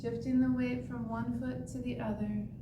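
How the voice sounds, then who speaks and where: Woman, serene tai chi cues, unhurried delivery, slightly high voice, meditative pauses, distant echoey recording with rumble. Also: muffled recording. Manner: serene, calm, meditative cueing with long pauses. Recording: echoey, distant mic with clear rumbling noise.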